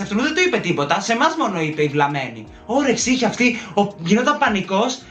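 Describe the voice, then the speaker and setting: Guy doing a story time vlog, voice jumps up and down a lot, acts out the quotes, echoey room. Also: sits high. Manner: animated, dramatic retelling with acted-out quotes. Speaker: storytelling vlogger.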